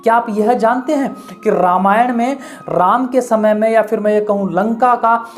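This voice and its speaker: Male host, emphatic rhetorical explainer, quizzes the listener and answers his own questions, soft music underneath. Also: high-pitched, normal speed. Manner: poses questions to the viewer and answers them himself; earnest, emphatic delivery. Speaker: YouTube channel host.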